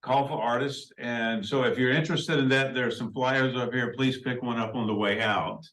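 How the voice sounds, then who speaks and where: A man's voice: mid-range voice, fairly even intonation, moderate pace, fairly bright tone, slight background noise, low-quality recording. A man informally hosting a meeting and making announcements. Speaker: meeting host. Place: meeting room.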